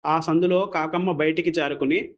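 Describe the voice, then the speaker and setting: A man telling a folk story as scripted narration, steady and plain. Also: a little high, moderate pace, muffled recording.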